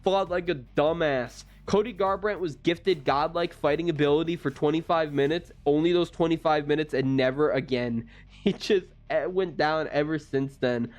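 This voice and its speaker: A man's voice: on the high side, normal speed. A young man in his twenties, rambling through casual fight predictions with lots of self-corrections. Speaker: MMA fight previewer.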